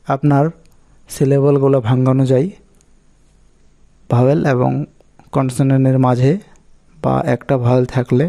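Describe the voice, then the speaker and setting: A Bengali-speaking man teaching English pronunciation rules, calmly working through examples one at a time. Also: medium pitch, creaky. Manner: steady, methodical, lists examples one by one.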